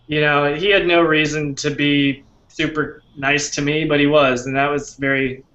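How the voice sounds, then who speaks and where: A man's voice: fairly high pitch, little pitch movement, moderate pace, bright, forceful tone, highs cut off. A man telling rambling, laughing stories in casual panel chat. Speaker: panelist, vape video reviewer.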